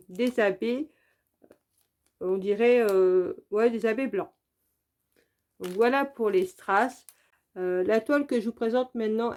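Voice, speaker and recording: A French woman with a mid-range, slightly mellow voice hosts her channel, narrating a casual craft unboxing. She's chatty and repetitive, full of fillers, often saying "donc" and "très, très."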